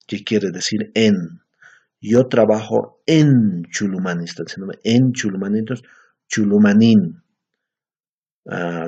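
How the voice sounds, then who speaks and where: A very deep, husky male voice, speaking slowly as he walks students through a language lesson. He explains patiently and keeps checking that they follow. The recording sounds dull and lo-fi. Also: a little mellow. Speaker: Aymara language teacher.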